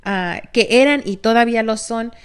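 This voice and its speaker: A woman co-hosting a podcast, telling a personal story in a candid, animated way and slipping English phrases into her talk. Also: on the high side, moderate pace, smooth. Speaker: podcast co-host, teacher of girls.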